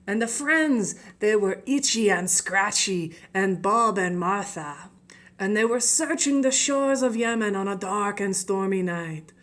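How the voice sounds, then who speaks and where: A woman's voice: medium pitch, expressive, measured pace, fairly bright tone. Young woman goofing through a story, jokey asides, whispers the side comments. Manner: chatty, joking asides, dropping to a whisper for comments. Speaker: student in a telephone game. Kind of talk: playful storytelling.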